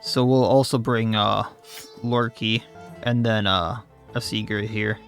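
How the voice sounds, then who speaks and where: A man's voice: lowish voice, steady tone, unhurried, a bit bright, faint music behind. A man, slightly losing his voice, commenting casually on his own gameplay and thinking aloud as he plays. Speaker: let's play host.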